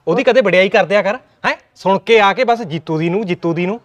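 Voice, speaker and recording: An actor playing a gruff but kindly older father-in-law who scolds and bickers, with faint music behind. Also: fairly high pitch, fast, lightly acted. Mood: bickering. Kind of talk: amateur short-film acting.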